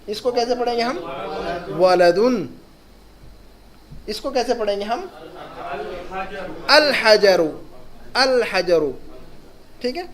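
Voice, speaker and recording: A man teaching a classroom lesson, reading each word slowly and drawn out, then explaining quickly and asking checking questions. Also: very high voice. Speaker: Arabic teacher.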